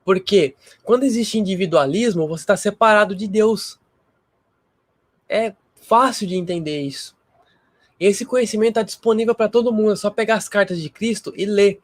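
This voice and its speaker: A man's voice: high-pitched, normal speed, dry recording, clean studio sound. A man hosting a spiritual livestream, teaching casually and emphatically and repeating himself.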